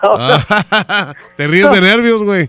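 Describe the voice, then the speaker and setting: A man's voice: high-pitched, lively intonation, slow pace, bright, forceful tone, smooth, no room sound, faint music behind. A man with a Mexican accent, hosting a radio show and making a prank call, teasing and mocking the person on the line.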